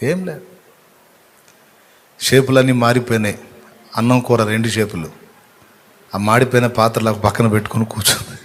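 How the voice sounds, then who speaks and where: A man's voice: mid-range voice, fairly even intonation, moderate pace, pauses often. A man preaching a devotional sermon, telling a story with pity and acting out the people in it. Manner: tells a parable with pity, acting out quoted voices.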